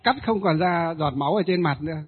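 A man, a Buddhist ritual master, tells a ghost story in a hesitant way, with many filler pauses. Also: fairly high pitch, slightly rough. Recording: tinny phone-like audio.

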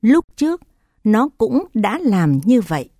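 A woman reading the lines of a wise male teacher in a solemn, measured recital. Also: fairly high pitch, sing-song, dark tone, no echo, studio quality, full character voice.

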